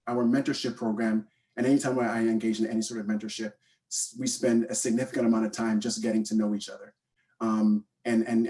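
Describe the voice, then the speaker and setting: Captured from afar, a man in his thirties with a low, dark voice and a Canadian accent gives an informal, unplanned panel talk, pausing hesitantly and frequently repeating himself. He was born in Guyana, moved to Canada at eight, and co-founded a mentorship program.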